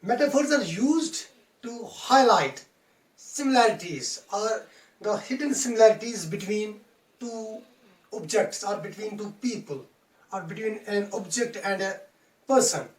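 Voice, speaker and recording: A woman lectures on poetry like a classroom teacher. She explains methodically and often restates a point in plainer words. Her voice sits at a middle pitch and sounds roomy, picked up from some distance away. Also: expressive, measured pace. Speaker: English teacher.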